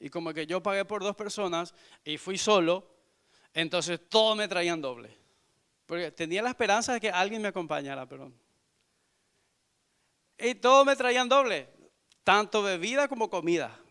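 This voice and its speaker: A man in his forties, a visiting missionary, giving an earnest sermon testimony in church, moving from hushed to loud. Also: high-pitched, expressive, a little fast, clear, resonant tone. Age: 40s.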